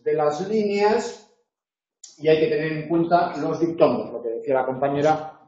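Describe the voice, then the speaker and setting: A male university lecturer talks through his material briskly, tossing in quick checks to the class. His voice is mellow and sits a little high. The recording is dull and lo-fi, with a roomy classroom echo. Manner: brisk, explanatory, frequent tag questions.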